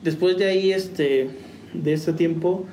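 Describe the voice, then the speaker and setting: A young man, a musician on as a guest, speaks slowly in a fairly high voice with a dark tone. His story comes out rambling and casual with restarts and laughs, captured in a roomy, distant recording with faint background noise.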